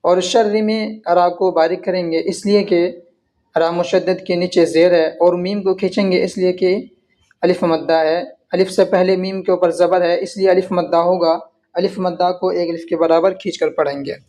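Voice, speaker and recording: High-voiced man teaching Quran pronunciation. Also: level tone, a little mellow. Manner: patient, explanatory, repeats rules step by step. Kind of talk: tajweed lesson with slow recitation.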